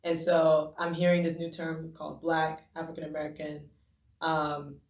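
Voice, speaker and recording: A woman's voice: low-pitched, monotone, moderate pace. A young woman from Japan, a guest on a casual podcast, chatty and laughing easily. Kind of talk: casual conversational interview. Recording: echoey room, a bit distant from the mic.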